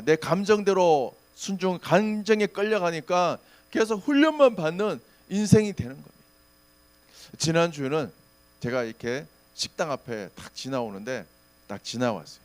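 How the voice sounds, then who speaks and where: A middle-aged man preaching a sermon as pastor, telling stories with animated, acted-out quotes. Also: mid-range voice. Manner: animated storytelling, acting out shouted quotes. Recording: faint mains hum.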